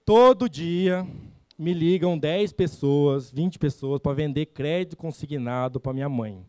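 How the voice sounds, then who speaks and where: A man with a Brazilian accent giving an animated motivational sales talk on stage, acting out customer dialogues in blunt, slangy speech. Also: a little high, unhurried, no room sound. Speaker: sales trainer speaking at a summit. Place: event stage.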